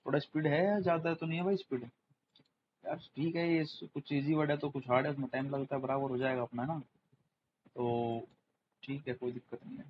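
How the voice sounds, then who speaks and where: A man's voice: medium pitch, fairly even intonation, moderate pace, highs cut off, a little hiss or hum. A man hosting a casual exam-prep vocabulary lesson, repeating words and quizzing viewers with rhetorical questions to build memory tricks. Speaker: exam tutor, channel host. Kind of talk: informal vocabulary lesson with mnemonics.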